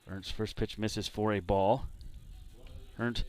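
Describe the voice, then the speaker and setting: Low-voiced man calling a baseball game. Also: takes it slowly. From San Diego, California. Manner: relaxed, chatty between pitches, jumps up loud on big hits. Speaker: play-by-play announcer. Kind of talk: baseball play-by-play commentary.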